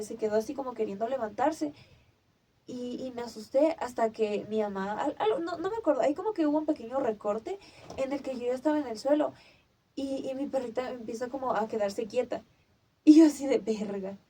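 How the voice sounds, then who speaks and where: A young woman, hosting a podcast and telling a personal story in casual chat, acting out her own cries and shouts as she goes. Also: sits high, fairly quick, slightly rough. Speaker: podcast host.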